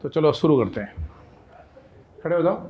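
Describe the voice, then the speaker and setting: A fairly high-voiced man with an Indian accent teaches a class. He talks to the room in a conversational, coaxing way and keeps asking his students questions. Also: lively intonation, normal speed, warm tone, slight background noise. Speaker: chemistry teacher. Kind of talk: classroom lecture.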